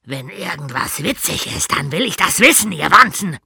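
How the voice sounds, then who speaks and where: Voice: mid-range voice, big pitch swings, normal speed, creaky, pushed and bright, breathy edge, dry recording, studio quality, heavily acted. A narrator voicing a furious male gym teacher who rants and bellows at kids in an audiobook. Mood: ranting. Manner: bellowing, ranting. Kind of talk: audiobook character voice.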